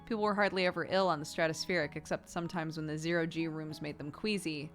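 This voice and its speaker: A woman with a slightly low voice reads a story game aloud as a streamer. Her narration is expressive and slips into casual asides. Music plays behind her. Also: fast talker.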